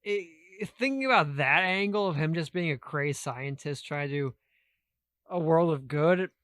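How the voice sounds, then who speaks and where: A man co-hosting a casual podcast with the hiccups, talking haltingly and cursing mid-sentence. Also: on the high side, a bit bright, smooth, no echo, clean studio sound. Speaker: podcast co-host. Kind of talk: casual chat.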